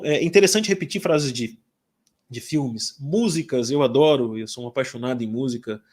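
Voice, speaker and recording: Brazilian guy in his 40s teaching business english on a live stream, kinda high voice, rambly and chatty. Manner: chatty, lively, many filler tags. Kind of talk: live webinar talk.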